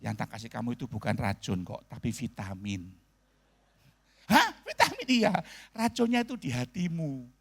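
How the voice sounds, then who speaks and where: A man voicing a shrewd older male medicine-shop keeper who gives slow, knowing advice. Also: medium pitch, expressive, gravelly, husky, pitched below the performer's own voice. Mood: calm reassuring.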